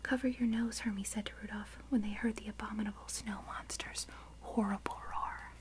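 A woman reading a children's storybook aloud in a soft, unvoiced ASMR whisper. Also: mid-range voice, flat delivery, moderate pace. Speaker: reader.

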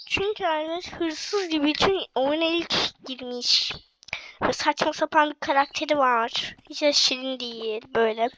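A woman's voice: sits high, sharp tone, highs cut off, slight background noise. A young woman hosting her own game video, chatting to viewers in a casual way while sick with a cough. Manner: chatty, addresses viewers directly. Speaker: gaming channel host.

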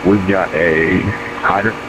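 A man's voice: low voice, steady tone, slow. A man working as a fire incident commander, giving brief procedural orders in terse emergency radio traffic. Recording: noisy fireground radio recording with engine hum.

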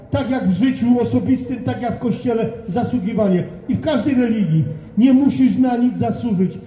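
High-pitched older man preaching in the street. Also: warm tone. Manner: fervent, repetitive, addresses passers-by directly. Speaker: street evangelist. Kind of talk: open-air street preaching. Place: town market square outdoors. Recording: echoey, dull lo-fi outdoor recording.

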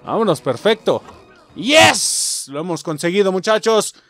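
A young Mexican man giving excitable, casual gameplay commentary, swearing freely and talking to his viewers. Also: a little high, moderate pace, faint music behind. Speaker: gameplay streamer.

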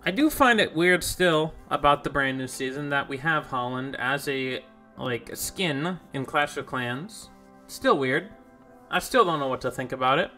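A man's voice: medium pitch, animated, measured pace, sharp tone, faint music behind. A young man giving rambling, casual commentary over his own gameplay, easily confused and self-deprecating. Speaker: gaming YouTuber.

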